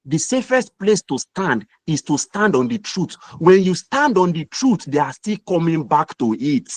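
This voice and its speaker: A man's voice: a little high, very animated, normal speed, no echo. A middle-aged man with a Nigerian accent, giving an emphatic, repetitive motivational mentoring talk. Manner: emphatic, repetitive, preacher-like delivery. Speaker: guest mentor speaker.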